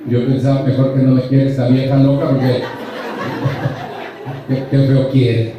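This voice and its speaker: A man's voice: medium pitch, little pitch movement, unhurried, crowd noise. A man giving a joking, blunt motivational talk to a group, full of rhetorical questions and slang. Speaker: speaker at a support group anniversary. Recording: echoey hall, distant mic.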